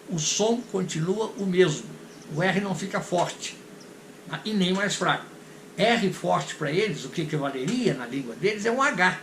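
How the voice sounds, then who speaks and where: Gravelly Brazilian-voiced English teacher, echoey room. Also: male voice, sits high, fairly bright tone. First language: Portuguese. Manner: explains patiently, repeats example phrases slowly. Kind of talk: recorded English pronunciation lesson. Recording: echoey room with faint noise.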